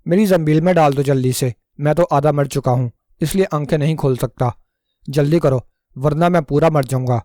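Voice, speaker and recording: In a storybook reading, a man voices a cunning male trickster who pleads theatrically and fakes dying, full of sly, self-pitying entreaty. His natural voice is fairly high and dark in tone, recorded clean in a studio with no room sound.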